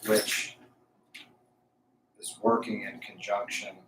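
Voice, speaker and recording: A man live streaming casual, unscripted talk, thinking aloud haltingly as he tests a Bluetooth mic. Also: lowish voice, flat delivery, fairly bright tone. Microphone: Bluetooth lapel mic. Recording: echoey, distant Bluetooth mic, faint noise.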